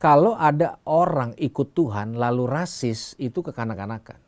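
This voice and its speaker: A man's voice: mid-range voice, expressive, normal speed, darkish tone, no room sound. Man giving a story-filled sermon. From eastern Indonesia. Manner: humorous storytelling, direct address to the listeners. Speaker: preacher. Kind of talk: sermon to young people.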